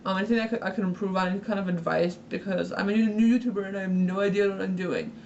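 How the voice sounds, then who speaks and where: A woman in her twenties, a new YouTuber, chatting excitedly in a casual fan vlog and filling her talk with "like". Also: medium pitch, very fast, gravelly. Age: 20s. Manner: gushing, excitable, filler-heavy ("like"). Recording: dull, distant audio with faint hiss.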